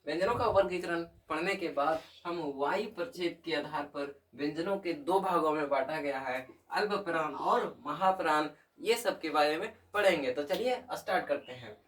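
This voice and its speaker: A man's voice: a little high, moderate pace, fairly bright tone. A man giving a grammar lesson who asks questions and answers them himself, repeats key terms and keeps checking in with his listeners. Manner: checks in often with "ठीक है?". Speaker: Hindi grammar teacher. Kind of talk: classroom-style grammar lesson. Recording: voice a little distant from the mic.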